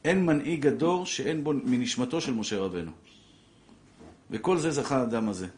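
A man's voice: mid-range voice, slight background noise. A middle-aged man teaching a religious lesson, telling stories with feeling and acting out the quotes. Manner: animated storyteller, acts out quotes, grows emotional. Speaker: rabbi teaching a Torah class. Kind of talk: emotional religious lesson with storytelling.

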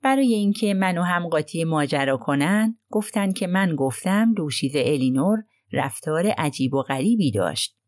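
A prim, self-righteous old housekeeper, as a woman reader puts her on airs her grievances in a low, dry voice. She sounds indignant and sure of her own virtue, an audiobook character heard close to the mic. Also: animated, darkish tone, no echo. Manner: indignant, aggrieved complaining.

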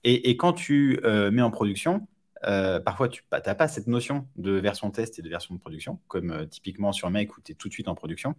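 Low-voiced man, hesitant podcast guest. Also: lively intonation, a little fast. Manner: hesitant, many fillers and restarts. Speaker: startup founder guest. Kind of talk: casual podcast interview.

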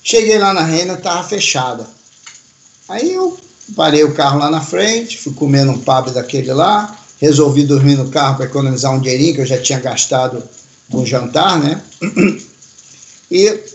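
A man tells a story casually and with animation, slipping into the voices of the people in it. His voice sits fairly high for a man. The recording sounds roomy and echoey. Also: moderate pace. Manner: animated, acts out quoted voices, slangy.

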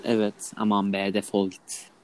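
A man's voice: fairly low pitch, monotone, moderate pace, a little mellow, no room sound. A young man co-hosting a casual chat, joking and teasing his friend.

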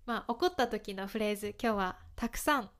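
A woman teaching phrases in a casual podcast, speaking slowly and clearly with a light tinge and short English glosses. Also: mid-range voice, a bit bright. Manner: slow, clear explanations mixing in English glosses. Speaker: Japanese language teacher.

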